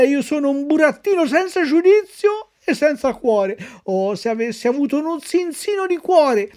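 A frantic little wooden puppet boy cries out in a high, wailing voice, read by a woman. His pleas leap up and down in pitch as he laments his own foolishness. It sounds like a storybook read aloud. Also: lightly acted. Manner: wailing, pleading, high and excitable.

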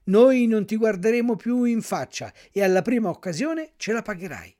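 A man voicing a gang of rough truant boys who bully and taunt in a loud voice. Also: high-pitched, very animated, normal speed, pitched above the performer's own voice.

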